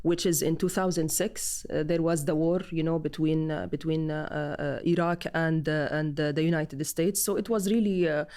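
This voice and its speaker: A woman in her thirties from Palestine talks in a slightly low voice as an interview guest. She speaks in a casual, hesitant way, full of fillers and restarts. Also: fairly even intonation, moderate pace, hardly any pauses, mellow.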